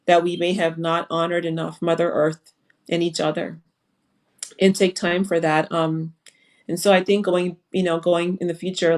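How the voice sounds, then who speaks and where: Earnest low-voiced woman. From Liberia. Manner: earnest and reflective, with frequent fillers. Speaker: foundation founder and panel guest. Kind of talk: casual panel talk on a live webinar.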